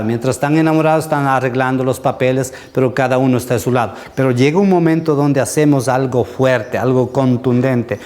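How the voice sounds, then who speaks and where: A man's voice: a little high, darkish tone. Male pastor, middle-aged, conversational sermon teacher who takes questions. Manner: conversational, answers congregation questions.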